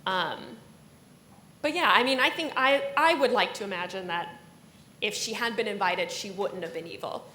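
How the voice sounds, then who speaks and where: A woman's voice: mid-range voice, moderate pace, bright, forceful tone. A woman ballet dancer in a conversational interview, telling a story with lots of fillers and animation. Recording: roomy with faint noise.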